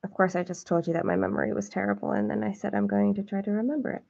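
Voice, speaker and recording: A woman's voice: mid-range voice, flat delivery, racing, vocal fry, mellow, breathy edge, highs cut off. A woman hosting a cross-stitch livestream, chatting casually and self-deprecatingly with viewers while counting her stitches.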